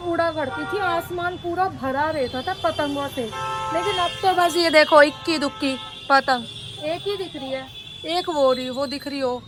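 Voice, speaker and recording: A woman's voice: high voice, noisy background. A young woman vlogging in a casual, rambling way, chatting straight to her viewers. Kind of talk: casual vlog chat.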